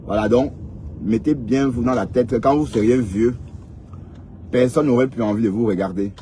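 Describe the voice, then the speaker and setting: Talking at a normal speed in a mellow, medium-pitched voice, a fifty-something vlogger delivers lecturing advice in a relaxed monologue, repeating points and frequently tossing in "hein?". A little hiss or hum is audible.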